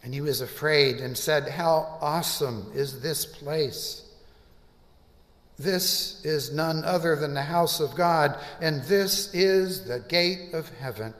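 An older man preaching a sermon from a pulpit, slow and measured with deliberate pauses. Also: a little high, fairly bright tone. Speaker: pastor. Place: church sanctuary, at a pulpit. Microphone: pulpit microphone. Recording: reverberant church hall.

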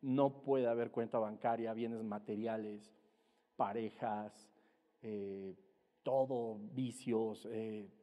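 A man preaching a sermon, explaining Bible words slowly and rising in pitch and volume to stress his points. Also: steady tone, lo-fi sound. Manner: explains Greek words slowly, spelling them out. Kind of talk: sermon teaching. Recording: long reverb hall.

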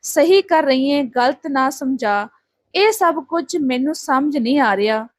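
A fair-minded village husband who reasons calmly and firmly. A woman reads him in her own high voice. The recording is close and dry. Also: measured pace, no echo. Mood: reasoning. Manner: reasoning, stern when needed.

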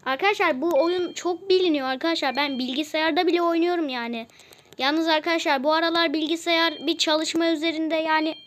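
A woman's voice: very high-pitched, steady tone, fairly quick, fairly bright tone, a little hiss or hum. A woman casually commenting on a mobile game as she plays, chatty and easily exasperated, often repeating herself.

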